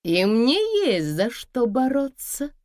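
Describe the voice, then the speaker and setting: Brief: haughty, mocking wife, read by a woman; scornful, pressing, unhurried, very dry close sound. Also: on the high side, animated, a little mellow, no room sound. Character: confident mocking wife, middle-aged woman.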